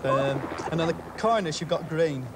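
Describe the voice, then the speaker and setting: A man with a Yorkshire accent, working out clues and slowly, patiently explaining directions on a game show. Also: fairly high pitch, very noisy. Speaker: studio contestant giving directions.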